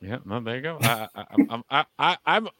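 A man co-hosting a podcast in casual chat, an animated storyteller who laughs often and restarts his sentences. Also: mid-range voice, fairly quick, background noise. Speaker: podcast co-host.

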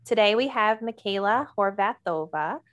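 A woman hosts her own podcast and welcomes a guest in a casual chat. She speaks in a friendly, easy way with small hesitations. Her pitch sits in an ordinary middle range. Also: expressive, moderate pace, a bit bright. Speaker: podcast host, interviewer.

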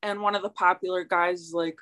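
A woman casually recapping a movie's plot, telling it in an unhurried way with light laughs. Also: on the low side, steady tone, fairly bright tone.

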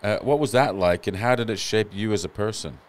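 A man hosting a podcast interview in a relaxed, chatty manner. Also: fairly low pitch, brisk. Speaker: podcast host. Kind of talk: conversational interview.

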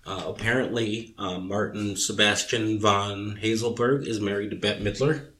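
A man's voice: lowish voice, fairly even intonation, normal speed, fairly bright tone. A man in his thirties chatting casually as a podcast co-host, rambling with many fillers. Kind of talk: casual chat.

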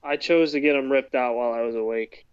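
A man's voice: mid-range voice, steady tone, fast talker, clean tone, lo-fi sound. A man chatting casually and defensively as a podcast co-host, a day after having his wisdom teeth out. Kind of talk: casual chat.

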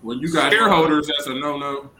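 A man's voice: on the high side, quick pace, sharp tone. A man co-hosting a podcast in casual, cocky banter, recorded in an echoey room. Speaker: podcast co-host. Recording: echoey room, faint noise.

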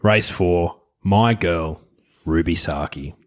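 A man's voice: sits low, slow pace. An Australian man giving casual horse racing tips as a co-host, chatting like a tipster.

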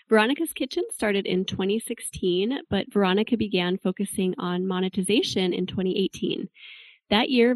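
A woman's voice: mid-range voice, darkish tone, dry recording. A woman hosting a podcast, upbeat and enthusiastic, reading ads and interviewing a guest. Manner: upbeat, enthusiastic, slows down for web addresses. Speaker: podcast host.

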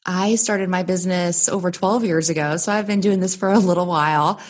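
A woman in her thirties, originally from the United States, tells the story of her business with upbeat energy as a podcast guest. Her voice is fairly low, and she speaks a little fast in this conversational interview.

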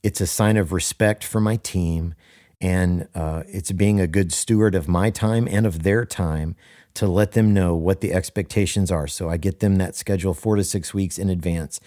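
A low-voiced man talks on a podcast as a worship leader, his tone warm and mellow. He speaks earnestly, hammering points home by repeating them, and slips in deadpan jokes. The sound is dry and close, with no room around it. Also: normal speed, no room sound. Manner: earnest and emphatic, repeats key phrases for stress. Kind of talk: casual podcast conversation.

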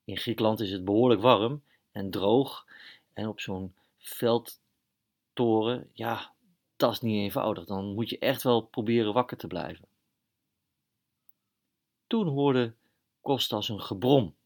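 A man narrating a children's story in an animated, halting way, often repeating words. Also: on the low side.

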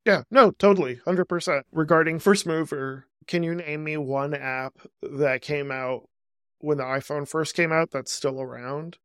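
Smooth-voiced male podcast host. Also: on the high side, a bit bright, no room sound, studio quality. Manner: conversational, quick asides, self-aware sarcasm. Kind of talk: casual podcast conversation.

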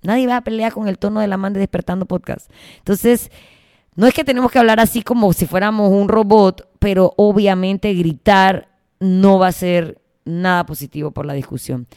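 A woman's voice: medium pitch, fairly even intonation, normal speed, darkish tone, dry recording. Woman, casual podcast host, chatty, acts out arguments, dry recording.

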